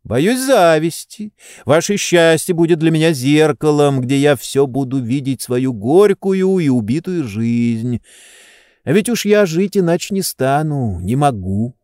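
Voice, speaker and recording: A soft-hearted, dreamy gentleman speaks slowly with lively swings in pitch, as a male reader puts him on. His voice is gentle and raised above the narrator's own. The sound is dry and close. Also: dry recording. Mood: sorrowful. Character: dreamy idle gentleman, overjoyed and tearful.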